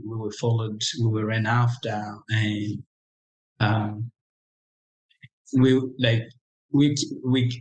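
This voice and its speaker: A young man from Congo, an interview guest, telling his own story in a reflective, halting way with frequent restarts. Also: lowish voice, rough recording. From Democratic Republic of Congo. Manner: reflective, halting, many restarts and "you know".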